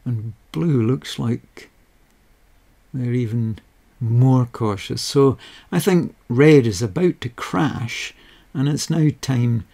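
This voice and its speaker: A man calmly narrating a voice-over that explains a pencil-and-paper game's rules step by step, measured and methodical with dry understatement. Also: mid-range voice, creaky.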